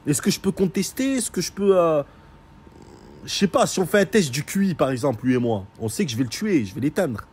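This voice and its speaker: Young man, husky voice, sarcastic casual storytelling, mocking tone. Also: a little high, sing-song, fairly quick, a little mellow. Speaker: vlogger telling a story.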